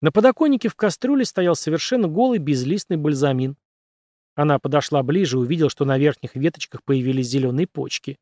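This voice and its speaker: Man, audiobook narration, somewhat high voice, lively intonation, dry studio sound. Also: fast talker, dry recording. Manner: expressive storytelling reading. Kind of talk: scripted narration.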